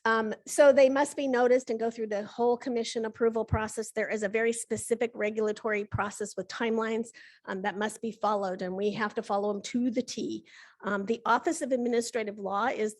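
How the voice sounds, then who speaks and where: A woman's voice: on the high side, fairly even intonation, brisk. A middle-aged woman on commission staff giving a conversational workshop presentation on regulations, with frequent fillers.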